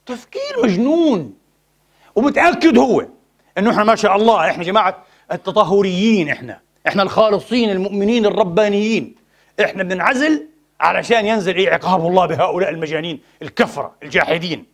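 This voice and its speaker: Impassioned fast-talking male preacher. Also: sits high, animated. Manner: impassioned, rhetorical questions. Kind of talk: sermon.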